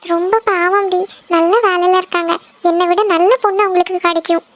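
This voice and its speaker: A woman's voice: very high-pitched, level tone, brisk. A woman voicing a burdened, stubborn young eldest daughter in a cartoon, speaking earnestly and firmly. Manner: earnest, firm. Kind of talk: cartoon voice acting.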